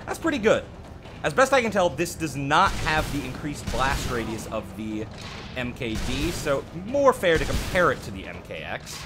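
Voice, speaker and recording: Speaking over music, this gaming channel host uses a medium-pitched, sing-song voice at a moderate pace. He chats conversationally about a game update, offering personal takes and poking a bit of fun at himself.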